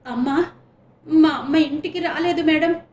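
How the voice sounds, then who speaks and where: A woman's voice: sits high, unhurried, a little mellow, roomy sound, slight background noise, voice pushed up. A woman voicing a frightened, tearful teenage schoolgirl who pleads between sobs. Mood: tearful fear. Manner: sobbing, pleading.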